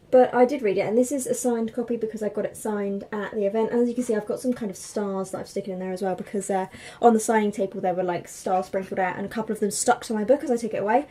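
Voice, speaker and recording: A young woman chats her way through a book review. Her voice is mellow and warm, and she rambles with plenty of fillers and false starts. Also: medium pitch. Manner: chatty, rambling with many fillers and restarts. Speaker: book vlogger.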